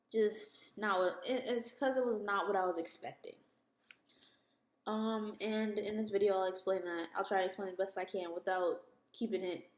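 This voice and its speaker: Chatty young woman in an echoey room. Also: medium pitch. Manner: candid, chatty, laughs between phrases. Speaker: vlogger. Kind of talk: casual storytime vlog. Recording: roomy echo.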